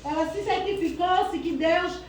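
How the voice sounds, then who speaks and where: A woman's voice: very high voice, a little slow, a little hiss or hum. A woman giving an emotional church testimony, speaking fervently and breaking into praise while holding back tears. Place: church hall. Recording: echoey church hall from far off.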